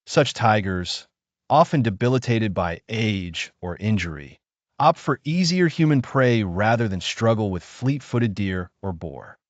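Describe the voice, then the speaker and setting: Low male voice doing nature documentary narration, dramatic and measured, lots of rise and fall, dry close recording. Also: dry recording. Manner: measured, dramatic, solemn storytelling.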